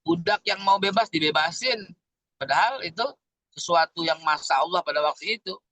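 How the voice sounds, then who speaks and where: Man, animated sermon, dry sound. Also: a little high, normal speed, no room sound. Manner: animated, slangy Jakarta-style preaching with rhetorical questions. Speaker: preacher.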